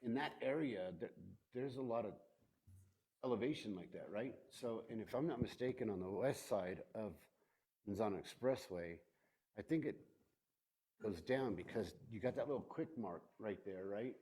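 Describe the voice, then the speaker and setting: Mellow-voiced man chairing a public hearing. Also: fairly low pitch, moderate pace, husky. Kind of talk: formal public meeting talk. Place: county meeting room. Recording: public meeting room recording.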